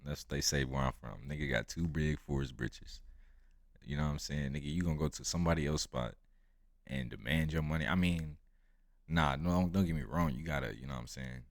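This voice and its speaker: A man's voice: very deep voice, a little fast, no room sound, clean studio sound. A man giving casual, blunt and profane reaction commentary on a video, full of slang.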